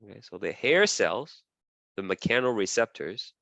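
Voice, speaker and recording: A man's voice: on the low side, sing-song, normal speed, vocal fry, a bit bright, dry recording. A man lecturing a class, repeating key terms as he draws and often asking "okay?" and "right?".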